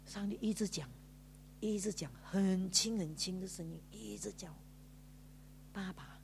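Woman pastor, Malaysian Mandarin accent, heartfelt testimony from the pulpit, drawn-out particles, medium pitch. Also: vocal fry, slight background noise. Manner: storytelling with drawn-out sentence particles, mixing in English words. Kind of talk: emotional sermon testimony. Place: church.

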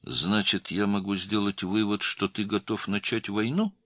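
A man voicing a calm, measured male police lieutenant colonel in a story reading. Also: lowish voice, no echo, pitched above the performer's own voice.

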